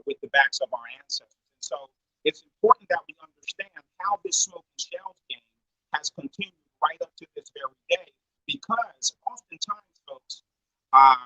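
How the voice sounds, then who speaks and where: A man's voice: on the high side, bright, forceful tone, slightly rough, no room sound. A man giving a teaching talk over a weak online call, his voice breaking up and cutting in and out, preachy, putting rhetorical questions to his listeners. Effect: voice cutting in and out over a weak online connection. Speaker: guest speaker explaining finance. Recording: dull lo-fi call audio that keeps breaking up.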